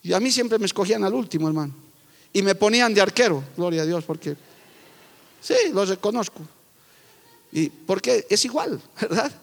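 A middle-aged man preaching fervently as a pastor, moving between loud proclamations and quiet, confiding asides. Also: sits high, animated, moderate pace, creaky, pauses often. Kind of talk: sermon. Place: church sanctuary with long reverb. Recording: echoey church hall.

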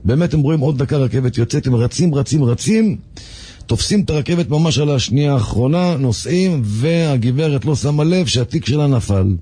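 Guy telling a story on radio, animated, kinda husky, no room echo. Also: medium pitch, hardly any pauses. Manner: animated, jumps between voices, repeats words for effect. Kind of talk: lively spoken storytelling.

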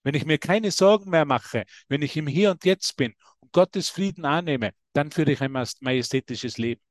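A man giving a lively spiritual talk to a group, preaching and calling listeners by name. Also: a little high, normal speed, dry recording, clean studio sound. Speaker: spiritual teacher.

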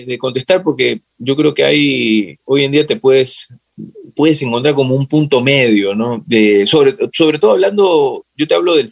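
This interview guest, a man whose accent is Ecuadorian, muses about football in a relaxed, thoughtful manner, repeating himself often as he hunts for the right words. The recording has no room sound, and his medium-pitched voice carries vocal fry.

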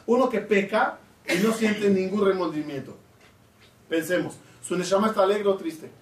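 Middle-aged rabbi quizzing a class, echoey room. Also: male voice, high voice, moderate pace. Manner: quizzes the class with questions and waits for answers. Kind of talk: Torah class lecture. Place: classroom with students. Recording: echoey room, mic at a distance, faint hiss.

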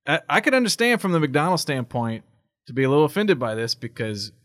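A man's voice: on the high side, very animated, a little fast, a bit bright, no room sound, clean studio sound. A man co-hosting a show, chatting casually in a tongue-in-cheek manner. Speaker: podcast and radio co-host. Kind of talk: casual chat.

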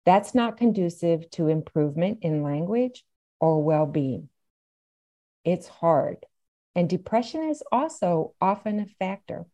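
A woman's voice: on the low side, mellow. A middle-aged or older woman, explaining things as an interview guest and stressing key points emphatically. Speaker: podcast guest, aphasia advocate.

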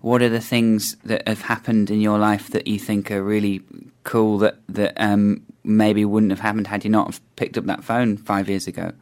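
A man chats as co-host of a casual interview. His voice is on the low side and stays level, with little melody, while his phrasing is tentative and encouraging. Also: level tone, normal speed, few pauses, darkish tone.

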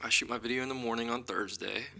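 Bright-voiced man podcasting, sounding inside a concrete bunker. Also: quick pace, creaky, a little hiss or hum. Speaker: podcast co-host. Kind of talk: casual podcast chat. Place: apartment with concrete walls and hardwood floors. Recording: boomy hard-walled room, like a concrete bunker.

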